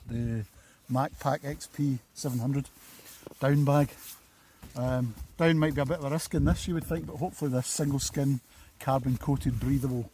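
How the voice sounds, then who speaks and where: A man with a Scottish accent chatting casually and in an understated way as an outdoor vlogger reviewing gear, recorded outdoors. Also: mid-range voice. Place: outdoors on a windy hillside campsite, in and by a tent. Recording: windy outdoor recording with loud noise.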